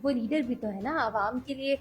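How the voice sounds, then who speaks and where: A young woman speaking earnestly as an interview guest, measured and hesitant at times. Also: fairly high pitch, soft background music, poor audio. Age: young adult. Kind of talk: political interview.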